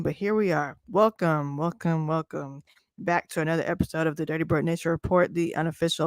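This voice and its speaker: A woman co-hosting a casual sports podcast, talking in a profane, teasing, animated way. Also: fairly low pitch, dry recording. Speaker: podcast co-host.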